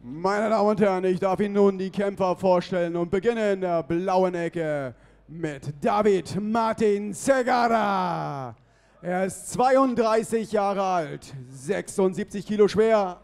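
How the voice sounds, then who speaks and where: A man announcing fighters at a boxing arena, stretching out the names in drawn-out shouts. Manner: booming, drawn-out name calls. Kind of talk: ring announcement.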